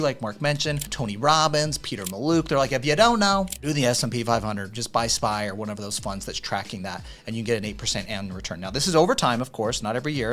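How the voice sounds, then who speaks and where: A man's voice: mid-range voice, fairly bright tone. A man hosting a casual financial chat, explaining with energy. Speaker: podcast host.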